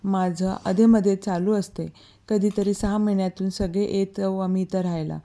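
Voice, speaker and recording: A woman's voice: medium pitch, fairly even intonation, moderate pace, warm tone, lightly acted. A woman voicing a protective young man who gives firm, caring orders, in a storybook reading.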